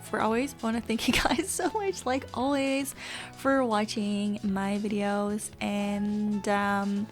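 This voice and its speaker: A woman's voice: medium pitch, fairly even intonation, slow, faint music behind. A woman vlogger chatting candidly in a casual confessional style, venting and swearing freely. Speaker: gaming vlogger. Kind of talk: casual confessional vlog chat.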